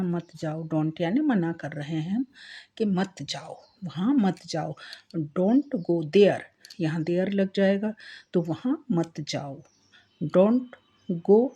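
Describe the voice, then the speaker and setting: A woman's voice: fairly low pitch, mellow, breathy edge. A woman teaching a spoken-English lesson, calling out each English phrase with extra force, then repeating and explaining it.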